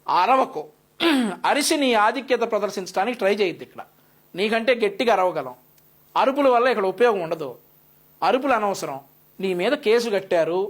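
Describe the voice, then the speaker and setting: A male news commentator delivering an opinionated, scolding rebuttal with a sarcastic edge. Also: sits high.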